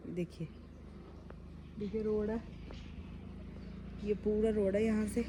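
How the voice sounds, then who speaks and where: Hoarse young woman vlogging outdoors. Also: medium pitch, fairly even intonation, takes it slowly, background noise. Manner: chatty, addresses viewers as guys. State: hoarse, sore throat; short of breath after stairs. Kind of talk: casual vlog chat. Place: outdoors on a rooftop, windy. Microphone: phone held by hand.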